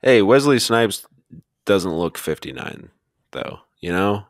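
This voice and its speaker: A man's voice: lowish voice, expressive, takes it slowly, creaky, no echo, studio quality. A young man co-hosting a casual podcast chat, rambling through stories in a laid-back way. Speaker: podcast co-host.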